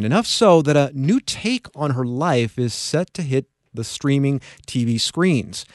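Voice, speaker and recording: A man's voice: mid-range voice, darkish tone, no echo, studio quality. A man hosting a public radio show, introducing a guest and asking conversational questions.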